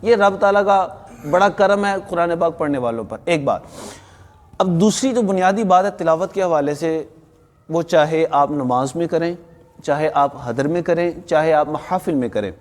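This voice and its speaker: A male recitation teacher lectures his students in a firm, emphatic way, stopping to quiz them. His voice sits a little high for a man. The sound rings with a long hall reverb. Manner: firm, emphatic, quizzes the class. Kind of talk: classroom lesson to students. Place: classroom with students.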